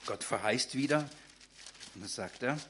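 A man's voice: medium pitch, lively intonation, moderate pace, fairly bright tone, slight background noise. A man preaching a sermon in German, talking directly to his congregation with frequent fillers and restarts.

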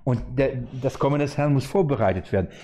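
A man preaching a sermon, emphatic and animated, asking his listeners rhetorical questions as he explains scripture. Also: medium pitch, brisk. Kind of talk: sermon, Bible exposition.

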